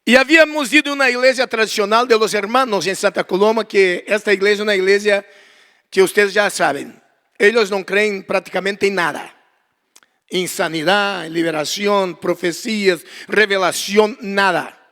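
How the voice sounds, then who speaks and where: A man from Brazil with a Brazilian Portuguese accent, a guest preacher telling a dramatic story in a sermon, acting out the dialogue and swinging from quiet prayer to loud emphasis. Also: high voice, normal speed. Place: church hall. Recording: long reverb of a church hall.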